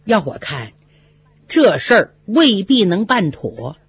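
A storyteller voicing a gentle, sensible young maidservant who talks in a measured, careful way. The voice is slightly husky and dry, on a dull, lo-fi recording. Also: mid-range voice, very animated, no echo, exaggerated voice. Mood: cautious.

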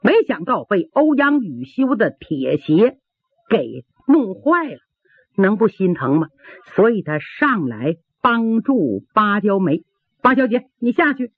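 A woman's voice: mid-range voice, very animated, slow pace, slightly rough, no room sound. A woman telling a traditional martial arts story dramatically, with vocal sound effects and rhythmic listing, on a tinny old radio broadcast. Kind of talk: traditional Chinese pingshu storytelling.

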